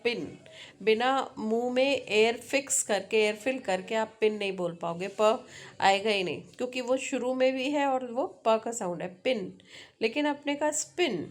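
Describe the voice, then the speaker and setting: A woman teacher giving a phonology lecture in Hindi mixed with English, asking questions and answering them herself, drawing out English terms slowly and repeating words for emphasis. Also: fairly high pitch. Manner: explains step by step, often asks questions and answers them herself.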